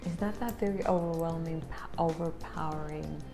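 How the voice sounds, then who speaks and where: A woman's voice: low voice, steady tone, normal speed. A woman co-hosting a product review, chatting casually about her impressions. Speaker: co-host of a pipe tobacco review. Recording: music clearly heard behind the voice.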